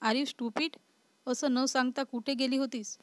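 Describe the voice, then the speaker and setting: A woman's voice: sits high, steady tone, a little slow, no room sound. A woman voicing a short-tempered, protective young husband in a storybook reading, in a scolding, exasperated manner. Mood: angry.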